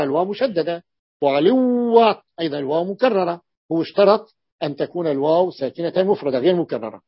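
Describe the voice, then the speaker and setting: A male teacher lecturing a class, explaining slowly and repeating each example. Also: fairly high pitch, dry recording. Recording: dull lo-fi recording.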